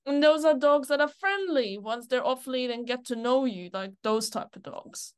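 A woman dog trainer co-hosting a podcast in casual chat, emphatic and quick to agree, often quoting dogs and owners aloud. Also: high voice, smooth.

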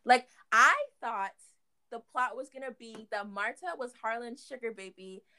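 A woman's voice: on the high side, normal speed, sharp tone, smooth. A young adult woman in a casual, playful chat about a movie. She laughs often.

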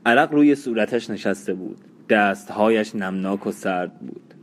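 Man reading a sombre audiobook slowly. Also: fairly low pitch, a little hiss or hum. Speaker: narrator.

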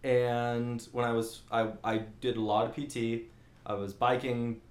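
A man's voice: mid-range voice, unhurried. A young man hosting his own channel, telling a long story in a rambling, self-mocking way and acting out what people said. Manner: rambling, animated, self-mocking, acts out quotes. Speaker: channel host. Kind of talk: casual storytelling monologue. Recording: roomy echo.

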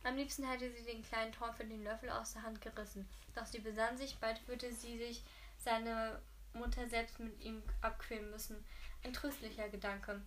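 A woman's voice: on the high side, little pitch movement, normal speed, a bit bright, slight background noise. A woman reading a novel aloud, often stumbling and correcting herself mid-sentence. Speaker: reader.

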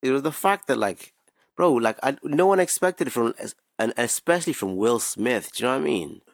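A man's voice: mid-range voice, lively intonation, brisk, creaky, no room sound, studio quality. A man, bantering cockily in street slang and swearing as a podcast host. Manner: cocky, swearing.

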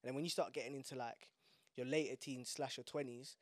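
A man's voice: mid-range voice, steady tone, fairly quick, dry recording, studio quality. A young man with a London urban street accent, chatting casually and emphatically in slang on a podcast. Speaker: podcast host.

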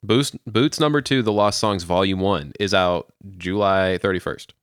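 Young dude on a podcast, lowish voice, quick jokey interjections, dry mic. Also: male voice, clean tone, no echo. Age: young adult. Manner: short, joking interjections. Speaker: podcast co-host. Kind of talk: casual chat.

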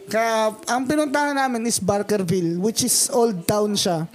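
A man's voice: high-pitched, measured pace. A young man hosting a casual podcast chat, laid-back and slangy, laughing often. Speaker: podcast host.

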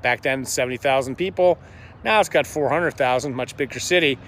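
A man's voice: medium pitch, fairly quick, fairly bright tone. A man in his fifties from Georgia in the US, telling a story to a handheld camera outdoors in front of his house, in a rambling, chatty way full of fillers and self-corrections. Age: 50s. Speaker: vlogger. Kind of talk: casual first-person storytelling to camera. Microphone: handheld camera held by the speaker. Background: faint street and construction noise.

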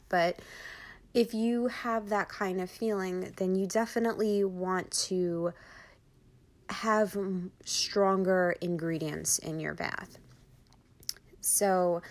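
Young woman podcast host, Long Island accent, casual and rambling, slightly low voice. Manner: chatty, lots of fillers like "um" and "like".

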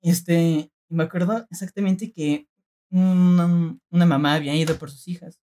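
Young adult woman, Mexican accent, casual slangy storyteller, lower-pitched voice. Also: normal speed. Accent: Mexican Spanish. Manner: animated slangy storytelling, peppered with filler words. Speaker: storyteller among friends. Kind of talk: casual chat.

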